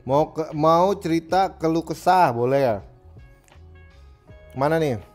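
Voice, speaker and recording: A man chats casually on a livestream, reading viewer messages aloud and answering with joking, slangy advice. His voice sits a bit higher than most men's, and soft music plays faintly behind him. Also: slow.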